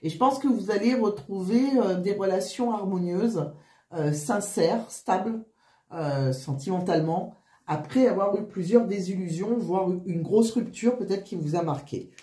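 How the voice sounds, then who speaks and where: A tarot card reader does a casual reading while sick with the flu, wheezing, short of breath, halting, and frequently restarting her phrases. Her mid-range voice is mellow, and the sound is reverberant.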